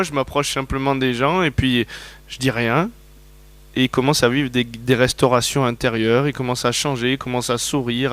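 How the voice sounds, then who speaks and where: French man preaching a lively, storytelling sermon. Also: mid-range voice. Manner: storytelling, conversational, asks the audience questions.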